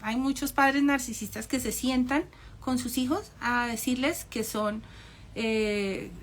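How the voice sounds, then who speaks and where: High-voiced woman, chatty lesson talk. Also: slow, a little hiss or hum. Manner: conversational, acts out quoted voices, ironic. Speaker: psychology speaker. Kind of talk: informal talk on narcissistic parents.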